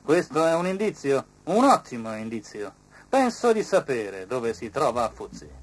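A woman voicing a clever male ant inspector who calmly explains the case in a children's story. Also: extremely low pitch, normal speed, slight background noise. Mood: confident. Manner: confident explaining.

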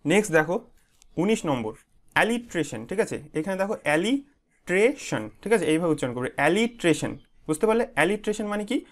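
A man's voice: sits high, very animated, a little fast. A male online English teacher with a Bengali accent, drilling vocabulary for exam students and checking in after nearly every phrase. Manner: repeats "ঠিক আছে?" constantly, drills pronunciation syllable by syllable. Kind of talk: exam-prep vocabulary lesson.

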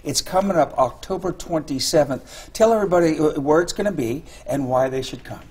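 A middle-aged man hosting a TV studio interview, guiding guests with brisk questions, on a lapel mic. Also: fairly high pitch, a little mellow, breathy edge. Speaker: TV news host. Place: TV news studio set, seated.

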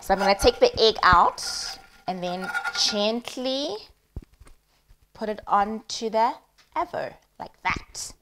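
Woman, young adult, South African accent, cooking vlogger, casual storytelling, animated, slips into isiZulu. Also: mid-range voice, slow, slight background noise. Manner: animated, acts out quoted voices, mixes in isiZulu.

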